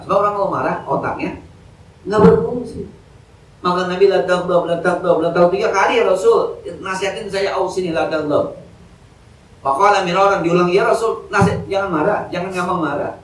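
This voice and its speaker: Male ustadz, slangy and joking, slightly high voice, roomy distant mosque recording. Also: moderate pace, a little hiss or hum. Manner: joking, colloquial, lively street slang. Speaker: ustadz giving an Islamic study lecture. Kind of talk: casual evening sermon. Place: mosque hall. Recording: echoey hall, mic from a distance.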